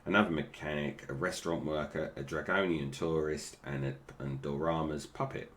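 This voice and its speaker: A man's voice: a bass voice, steady tone, moderate pace, a bit bright. A British man giving casual, unscripted toy review commentary, with slightly slurred, toothless articulation that stumbles over names.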